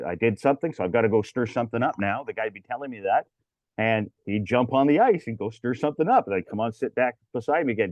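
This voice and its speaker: An older man, an arena announcer telling stories in a relaxed interview, rambling with many filler uh's. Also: lowish voice, no room sound. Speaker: arena public address announcer, guest. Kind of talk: casual interview chat. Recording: dull, dry lo-fi recording.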